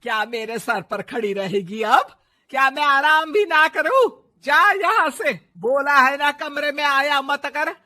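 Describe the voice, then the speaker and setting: A woman voicing a harsh older mother-in-law in a cartoon story, bossy and scolding, shouting orders. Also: on the high side, slow. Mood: taunting.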